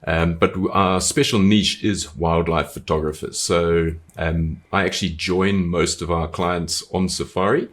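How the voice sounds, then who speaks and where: Deep-voiced New Zealand man, easygoing. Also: fairly even intonation, measured pace, hardly any pauses. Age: adult, married. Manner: easygoing, hesitant, many "um" and "yeah". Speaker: podcast co-host. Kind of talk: casual podcast chat.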